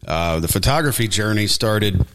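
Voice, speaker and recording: A man's voice: on the low side, lively intonation, normal speed. A middle-aged man from Tennessee, a photographer and guest, telling his life story in an easygoing, casual way. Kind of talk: casual interview chat.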